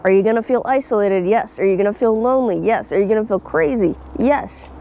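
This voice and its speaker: A woman's voice: medium pitch, brisk, warm tone. A young woman vlogging outdoors, talking bluntly and swearing freely, with frequent laughs. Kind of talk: casual opinion vlog. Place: outdoors in nature.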